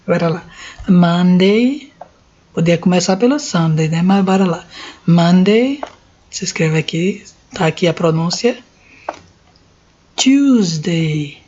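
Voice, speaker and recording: A Brazilian woman teaching an English lesson, saying each word slowly and repeating it for learners to copy. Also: on the low side, a little mellow, breathy edge. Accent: Brazilian Portuguese. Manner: slow, deliberate, repeats words for learners to echo. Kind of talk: language lesson. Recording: dull lo-fi sound.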